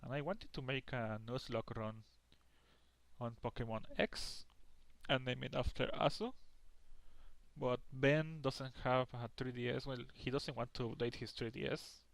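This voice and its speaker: A man's voice: mid-range voice, a little slow, vocal fry, dry recording. Tired, rambling young man commentating a game. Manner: rambling, casual, swears, many restarts. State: tired, yawning. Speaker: gameplay commentator. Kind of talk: casual let's play commentary.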